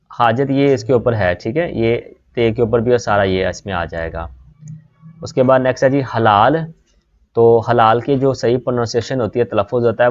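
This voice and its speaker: A man's voice: medium pitch, a little mellow. Pakistani man teaching an Urdu lesson. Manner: calls students "beta", repeats "theek hai" and "next hai ji". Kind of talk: exam-prep lesson, word by word. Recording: slightly dull lo-fi audio.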